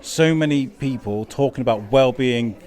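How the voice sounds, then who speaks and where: A man's voice: mid-range voice, moderate pace, a little mellow. A man hosting a casual podcast interview in a rambling, appreciative way. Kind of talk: casual chat. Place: busy wellbeing festival venue. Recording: outdoor-like hubbub of festival crowd. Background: crowd chatter.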